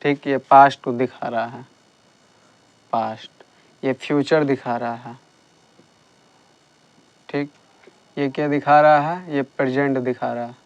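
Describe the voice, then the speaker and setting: Slow, smooth-voiced male teacher. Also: mid-range voice, fairly even intonation, dull audio. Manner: slow, patient explaining with repeated checks. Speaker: English teacher. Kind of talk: classroom grammar lesson.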